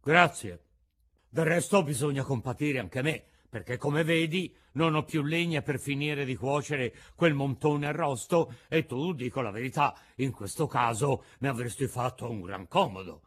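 A man voicing a bearded male puppet master who blusters loudly, gruff on the surface but softhearted, with explosive sneezes. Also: mid-range voice, normal speed, lightly acted. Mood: blustering gruff.

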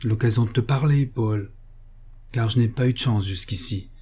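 Audiobook: man voicing an earnest young soldier, dark and husky. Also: mid-range voice, moderate pace, natural voice.

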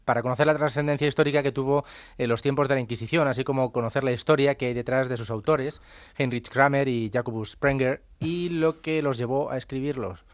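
A man's voice: medium pitch, dry recording. Male presenter reading questions in dry sound.

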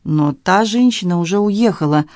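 Woman narrating an audiobook, low voice. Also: moderate pace, darkish tone, dry recording, clean studio sound. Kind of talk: scripted narration.

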